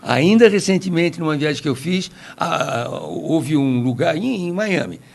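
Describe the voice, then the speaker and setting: A man's voice: on the high side, very animated, measured pace, gravelly, darkish tone. A Brazilian man on a podcast panel, giving opinionated commentary and telling anecdotes at length. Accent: Brazilian Portuguese. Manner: opinionated, tells anecdotes, digressive.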